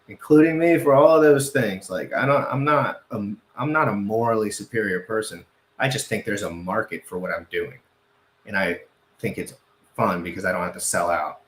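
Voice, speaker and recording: A man's voice: fairly low pitch, fairly bright tone, roomy sound, a little hiss or hum. A man hosting a casual crypto livestream, rambling and correcting himself, often repeating phrases for emphasis.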